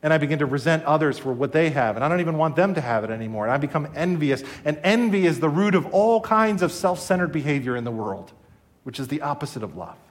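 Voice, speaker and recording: A man's voice: fairly high pitch, lively intonation, quick pace. A middle-aged man preaching a sermon as a pastor, earnest and conversational with his congregation.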